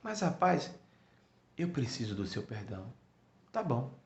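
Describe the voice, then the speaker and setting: A man voicing a casual, warm-hearted older brother with a Bahian accent and relaxed, slangy speech. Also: medium pitch, measured pace, creaky, slight background noise. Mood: moved. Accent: Bahian Portuguese. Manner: relaxed and colloquial, local slang. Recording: echoey room, muffled sound.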